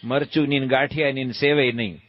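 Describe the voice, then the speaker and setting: A man giving a humorous sermon as a monk, telling a folksy story and acting out shouted calls and quoted voices. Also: mid-range voice, steady tone, brisk, dull audio. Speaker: monk giving a religious discourse.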